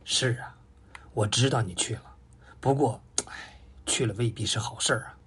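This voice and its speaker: A man voicing a lustful, lazy male pig demon who grumbles and sighs in a low, breathy voice. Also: normal speed, fairly bright tone. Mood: sighing. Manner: self-pitying, rambling comic complaints. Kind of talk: comic storytelling.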